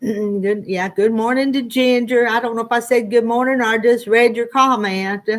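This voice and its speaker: A woman's voice: a little high, steady tone, normal speed. Older woman with a country Ozark accent. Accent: rural Southern US, Ozark country. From Arkansas Ozarks foothills, United States. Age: 60s. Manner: folksy, homespun, rambling. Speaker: livestream host. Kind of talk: casual chat to live viewers.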